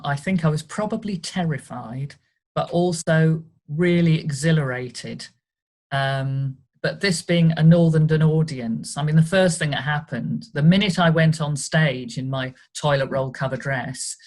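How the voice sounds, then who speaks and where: An older woman, a guest on a video call, recalling her amateur acting days in a reflective, storytelling way. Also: low voice. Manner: reflective storytelling, light laughs. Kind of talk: casual interview.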